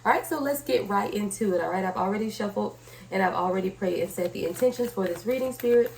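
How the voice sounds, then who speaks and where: Gravelly and darkish in tone, a medium-pitched woman moves at a quick clip through a conversational tarot reading on her channel. A cold leaves her voice slightly scratchy; she talks right to her viewers, checking in with brief tag questions.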